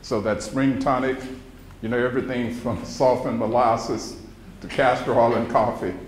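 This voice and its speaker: With a medium-pitched voice that barely moves in pitch and a normal speaking rate, a man in his seventies from central Mississippi lectures in a folksy, informal style, recalling personal experiences. A retired pharmacology professor serving as guest lecturer, he uses a podium microphone before a seated audience indoors. Live-hall echo and background noise fill the recording.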